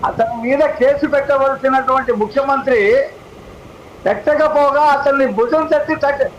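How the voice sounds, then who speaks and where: A man with a very high voice presses accusations in a TV debate and stacks up rhetorical questions. A faint hiss sits under his speech. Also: steady tone, normal speed, muffled recording. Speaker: political debate panelist. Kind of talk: heated TV debate argument.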